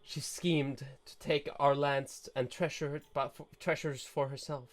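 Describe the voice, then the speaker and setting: A man's voice: a little high, steady tone, a little slow, voice pushed down, lightly acted. Man voicing proud serpent-woman Cassiopeia. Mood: wistful. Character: proud tragic snake-woman noble, aloof. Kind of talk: reading game dialogue aloud.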